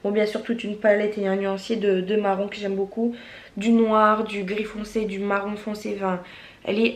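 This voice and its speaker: A woman's voice: medium pitch, echoey room. A woman vlogger casually reviewing her makeup collection, chatty, with many fillers and restarts. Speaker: beauty vlogger.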